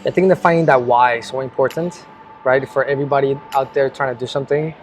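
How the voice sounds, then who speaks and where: With fairly even intonation and a medium pitch, the host speaks fast as faint music plays. He's introducing a casual interview, cheerful and supportive, and restarts his questions a lot.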